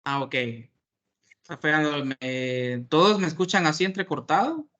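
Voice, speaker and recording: Male lecturer, bright voice, audio cutting in and out over a bad video-call connection. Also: a little high, animated, moderate pace, lo-fi sound. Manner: plain explanatory, with hesitant fillers. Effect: choppy, breaking-up internet connection. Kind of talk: online class lecture. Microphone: computer mic on a video call.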